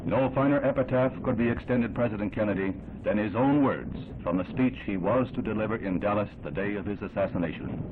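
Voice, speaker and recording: A man giving solemn, measured, formal narration in an old 1960s newsreel. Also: lowish voice, background noise. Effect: old 1960s newsreel sound. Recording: thin narrow-band old film audio with music underneath.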